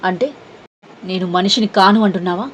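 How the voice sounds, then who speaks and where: A woman's voice: fairly low pitch, fairly even intonation, a little fast, slight background noise, close to an everyday voice. Proud injured young man, harsh and commanding, voiced by a female narrator. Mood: threatening.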